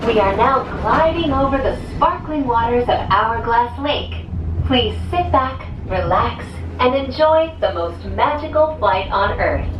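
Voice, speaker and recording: A woman's recorded announcement played over a gondola cabin loudspeaker, polished, measured and welcoming. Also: on the high side, lively intonation, muffled recording. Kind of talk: scripted public announcement. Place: inside a moving gondola cabin. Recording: echoey, distant loudspeaker with ride noise.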